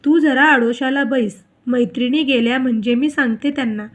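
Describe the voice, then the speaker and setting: A woman voicing an anxious young maidservant who asks hurried questions and pleads nervously. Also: high voice, fairly even intonation. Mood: cautious.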